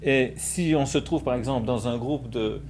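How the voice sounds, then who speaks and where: Belgian man explaining scripture calmly. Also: medium pitch, slight background noise. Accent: Belgian French. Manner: measured, explanatory, uses everyday examples. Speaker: Bible discussion speaker. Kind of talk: conversational Bible teaching.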